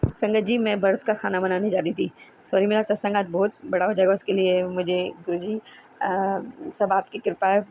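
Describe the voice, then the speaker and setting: A woman's voice: mid-range voice, little pitch movement, normal speed, a little mellow. A woman tells a devotional story in a chatty, rambling way, often stopping to correct herself mid-word. When she addresses her guru she turns earnest and pleading. The recording is dull and lo-fi, with a faint hiss underneath. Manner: chatty and rambling, with frequent self-corrections and restarts. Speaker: devotee sharing a satsang testimony. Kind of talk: casual devotional storytelling to listeners.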